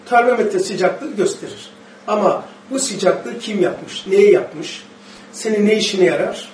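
A man's voice: unhurried, a little mellow. A man with a Turkish accent teaching a religious study sermon, impassioned, quoting Arabic verses and putting questions to his listeners. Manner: impassioned, rising to high emphatic bursts; quotes Arabic verses, asks the audience questions. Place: mosque or study hall. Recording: echoey hall, faint noise, distant mic.

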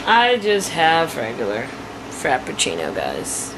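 A woman's voice: rumbling low, huge pitch swings, slow. A woman in her late twenties, half asleep, talking in a casual vlog and ranting in disbelief to her viewers. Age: late 20s. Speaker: vlog co-host. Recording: noisy handheld recording.

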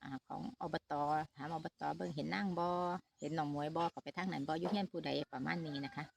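Filming on her phone at a shady farm, this vlogger mom from Northeast Thailand talks fast in a low, steady voice with vocal fry and a breathy edge. She has an Isan Thai accent, is middle-aged, and chats casually to her audience, filling gaps with plenty of fillers.

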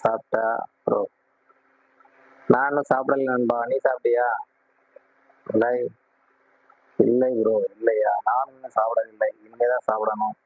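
A man hosting a casual live stream, greeting viewers warmly and repeatedly asking them to like and subscribe. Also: medium pitch, little pitch movement, unhurried, pauses often, no echo. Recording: tinny phone-like sound.

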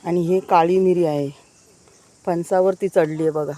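A woman's voice: lowish voice, steady tone, moderate pace, warm tone. A married woman vlogging outdoors among village gardens, chatting to viewers as she films on her phone and keeps pointing things out. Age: adult, married. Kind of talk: casual walking tour vlog.

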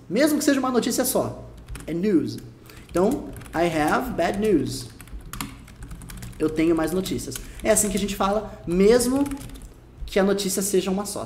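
A man's voice: high-pitched, darkish tone, reverberant, a little hiss or hum. A Brazilian man with a Brazilian Portuguese accent, giving an online English lesson and patiently repeating each example. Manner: explains patiently, repeats each example, says English phrases slowly and carefully. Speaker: English teacher.

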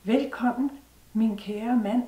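A woman's voice: fairly high pitch, dark tone, close to an everyday voice. A woman voicing a young widow who insists a passing stranger is her new husband, recorded from a distance in a roomy space. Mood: insistent. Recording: roomy sound from a distant mic.

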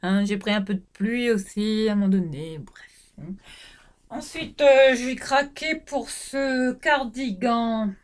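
A middle-aged woman from France in a casual haul vlog, rambling with lots of fillers and restarts as she shows her finds to the camera at home. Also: a little high. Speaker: fashion vlogger.

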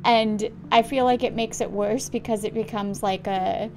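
A woman's voice: medium pitch, steady tone, moderate pace, slight background noise. A woman gaming YouTuber doing let's-play commentary, chatty, rambling and self-deprecating.

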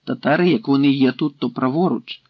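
A man's voice: medium pitch, fairly quick, husky, no echo. A man voicing a stern Cossack leader who questions and threatens a captive in a commanding way, in a dry, slightly dull recording.

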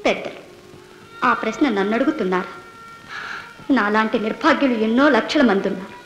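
A young actress playing a weary, bitter second wife giving quiet, resigned answers in court. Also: female voice, a little high, brisk, lo-fi sound, close to an everyday voice. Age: young adult. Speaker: witness in court. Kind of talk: 1970s Telugu film acting. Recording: echoey old film soundtrack with music.

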